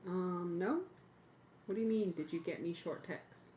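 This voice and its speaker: A woman's voice: on the low side, unhurried, warm tone. A woman chatting casually as co-host of a live stream. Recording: clearly noisy, with room ambience.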